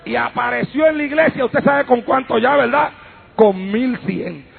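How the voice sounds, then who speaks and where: A man preaching a fervent Pentecostal sermon, telling stories and breaking into shouted praise, on a tinny old radio recording. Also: very high-pitched, normal speed, vocal fry, a little hiss or hum.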